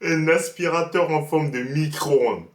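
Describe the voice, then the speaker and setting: A young man reacts to a video in relaxed, slang-heavy chat, drawling his words out slowly. His voice sits a touch high, and a roomy echo hangs around it. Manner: laid-back slangy disbelief, addresses viewers. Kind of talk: casual reaction commentary.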